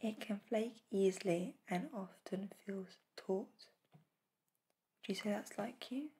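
A woman in an ASMR role-play as a spa facial therapist, speaking in a soft, breathy soft voice with a gentle, reassuring manner. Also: mid-range voice, slow pace.

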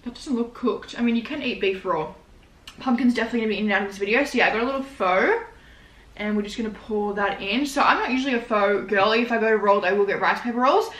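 A woman's voice: fairly high pitch, fast talker, a bit bright. A nineteen-year-old woman with an Australian accent chatting casually and slangily in a mukbang eating vlog, recorded in a living room. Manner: informal, slangy, rambling. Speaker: vlogger. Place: small living room, indoors. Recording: roomy indoor echo.

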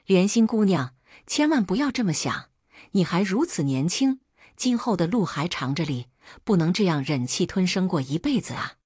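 A woman storyteller plays an earnest young male servant in a storybook tale. He pleads and urges with honest conviction. The voice is low and husky. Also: big pitch swings, moderate pace, darkish tone, no room sound, studio quality. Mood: urging. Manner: earnest, urging and indignant.

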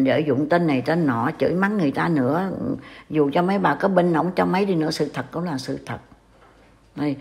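A woman's voice: low-pitched, vocal fry, darkish tone. An older woman from Vietnam with a Southern Vietnamese accent, scolding and warning in a casual online talk. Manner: scolding, reproachful. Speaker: commentator.

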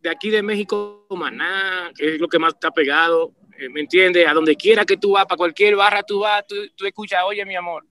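Here a musician guest, a band leader in his forties from Puerto Rico and the Dominican Republic, talks animatedly in a casual interview over a video call webcam. He has a high voice and a Caribbean Spanish accent, and he moves at a moderate pace with hardly any pauses. He restarts often and repeats "¿me entiendes?"

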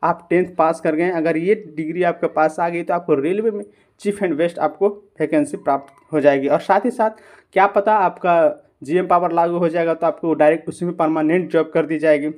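A man's voice: on the high side, steady tone, fairly quick, darkish tone. A man hosting a screen-recorded tutorial, talking viewers through steps and often asking and answering his own questions. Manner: repeatedly addresses viewers as friends, asks and answers own questions. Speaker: YouTube channel host.

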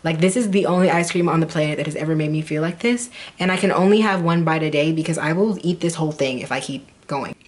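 A woman's voice: low voice, fast talker, hardly any pauses. A young adult woman vlogging casual beauty product reviews in a gushing, dramatic, playful way.

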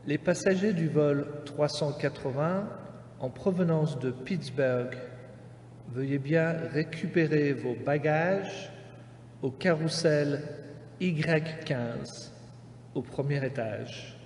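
Slow formal man over airport PA. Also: fairly high pitch, darkish tone. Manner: measured, formal, carefully spaced phrasing. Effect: over an airport PA system. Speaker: airport announcer. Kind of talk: formal public announcements. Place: airport terminal. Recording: echoey hall PA with long reverb, faint noise.

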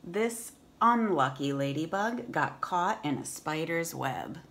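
Deep-voiced yet fairly bright in tone, a woman in her thirties reads a picture book to children slowly, her intonation lively. Like a teacher, she pronounces words clearly for the little ones and adds explanations along the way. She's in a room at home.

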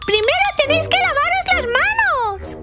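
Woman doing Misifu, a squeaky grumpy cat. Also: sing-song, moderate pace, over loud music. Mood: scolding. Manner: scolding, squeaky and shrill.

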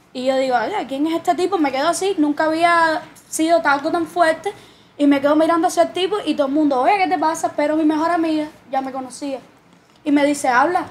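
A woman's voice: very high voice, a bit bright, slight background noise. A young Cuban woman with a Cuban accent, telling a story in a casual, chatty way. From Cuba.

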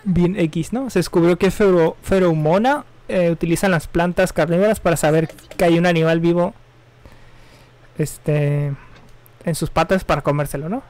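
A man's voice: a little high, moderate pace, a little mellow. A young man chatting casually and rambling with slang while he streams a game. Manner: rambling, offhand, slangy and self-correcting. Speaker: gaming streamer. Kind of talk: casual live-stream chat while gaming.

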